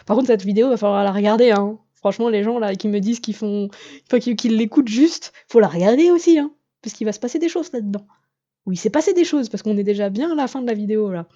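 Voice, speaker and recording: A woman's voice: mid-range voice, fast talker, dark tone, highs cut off. A woman vlogging casually to her viewer, rambling and jokey with lots of fillers and self-corrections. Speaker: YouTuber and comic artist. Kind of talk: casual vlog addressed to the viewer.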